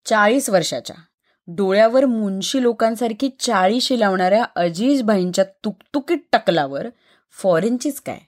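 A woman's voice: mid-range voice, expressive, moderate pace. A woman narrating a short story, voicing the playful back-and-forth between two young women friends. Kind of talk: story reading with acted dialogue.

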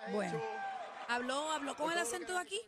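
A Puerto Rican woman co-hosting a radio show, giving expressive, opinionated commentary on celebrity news. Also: high-pitched, a little fast, a loud crowd. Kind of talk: casual gossip chat. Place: radio studio.

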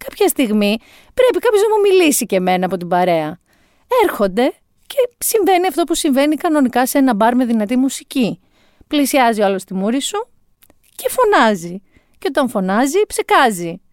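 A woman's voice: high-pitched, very animated, darkish tone, no room sound, studio quality. Wry self-mocking woman in her forties. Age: 40s. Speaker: storyteller. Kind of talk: comic monologue.

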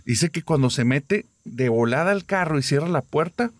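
A man's voice: on the high side, moderate pace, no room sound. A man casually retelling a listener's ghost story on a podcast. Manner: casual, lively retelling with many quoted voices.

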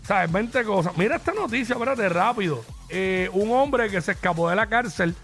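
A man with a Puerto Rican accent co-hosting a radio show, chatting and reading news in a lively, joking way. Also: high-pitched, moderate pace, faint music behind. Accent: Puerto Rican Spanish. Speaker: radio co-host. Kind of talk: casual radio chat and news.

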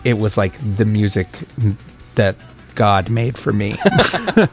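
A man, a recording engineer and producer, chatting as an interview guest and telling excited, rambling stories. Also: lowish voice, takes it slowly, faint music behind. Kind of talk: casual interview chat.

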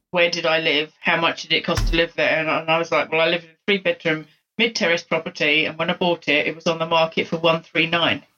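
Bright-voiced architect from South London. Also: mid-range voice, low-quality recording. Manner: conversational, hesitant with fillers. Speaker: guest architect. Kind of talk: casual chat.

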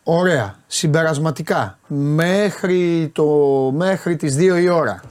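A man hosting a casual sports radio show, asking quick questions and agreeing often. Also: fairly high pitch. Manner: lively, asks quick questions, frequent agreeing.

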